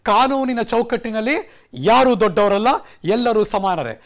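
A man's voice: sits high, animated, measured pace. A man anchoring a TV news bulletin in a studio, talking in an emphatic, conversational way and dropping in English phrases.

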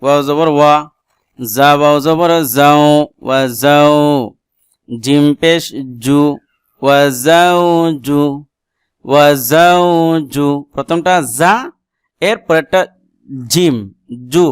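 Slowly and with frequent pauses, a man teaches Quran recitation, spelling out the letters and vowel marks before explaining every tajweed rule and chanting the verse in a melodic style. A native Bengali speaker with a Bangladeshi accent, he has a fairly high, smooth, steady voice recorded dry in a clean studio.

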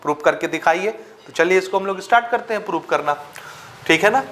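A man teaching a maths lesson with a Chhattisgarh Hindi accent, often asking if students follow and dictating English terms slowly. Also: sits high, fairly bright tone, slight background noise. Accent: Hindi-speaking Chhattisgarh. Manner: checks understanding with frequent rhetorical questions. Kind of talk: classroom lecture.

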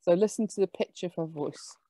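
A woman giving an academic lecture, explaining lively with quick asides. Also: fairly low pitch, dry recording.

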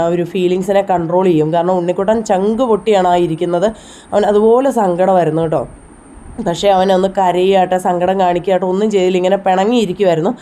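This vlogger, a woman in her thirties, tells her family story with a Kerala Malayalam accent in a warm, lowish voice. She sounds heartfelt and chatty, frequently tagging her sentences with "you know."

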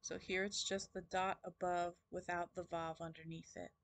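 A woman teaching Hebrew vowels in a recorded lesson, sounding out each vowel slowly and carefully. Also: fairly low pitch, flat delivery, dry recording.

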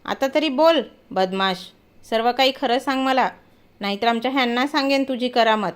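A stern middle-aged auntie, as a woman storyteller puts her on, who barks orders and scolds. Her voice is slightly high and pushes hard on each demand. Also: normal speed, smooth, lightly acted. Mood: scolding. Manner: scolding, commanding.

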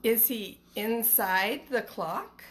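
A middle-aged woman who teaches school hosts a storytime livestream, chatting casually and reading a picture book to young children. Her voice is fairly high and slow. She records on a phone at arm's length in her small living room, and there's some background noise.

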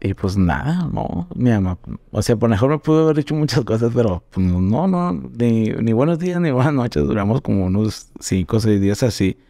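A young man with a northern Mexican accent tells stories on a podcast in loose, slangy talk, laughing now and then. His voice is gravelly and mellow, with a dark tone. The sound is dry and close. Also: medium pitch, moderate pace, no room sound. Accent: northern Mexican (Monterrey). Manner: relaxed slangy storytelling, laughs often. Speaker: podcast guest. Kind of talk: casual chat.

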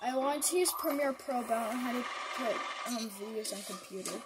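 Woman gaming on her phone, talks to herself, swears a lot, kinda high voice, loud noisy phone recording. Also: fairly quick. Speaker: mobile gamer recording gameplay. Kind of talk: casual gameplay commentary. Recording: loud background noise.

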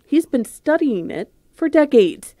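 A woman's voice: sits high, very animated, unhurried, dark tone. A woman reporter reading scripted narration for a news feature.

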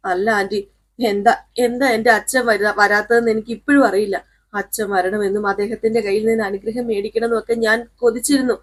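A woman's voice: fairly high pitch, lightly acted. A woman voicing a tearful young bride who pleads in faltering speech.

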